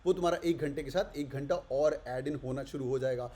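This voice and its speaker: A young adult man who teaches an exam course and is pitching it with energy, switching quickly between languages and voicing his students' questions. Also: warm tone. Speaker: CAT coaching teacher.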